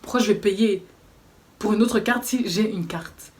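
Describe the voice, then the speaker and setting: A woman's voice: mid-range voice, unhurried, a little mellow. A young woman vlogger telling a story, animatedly acting out what people said. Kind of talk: storytime vlog.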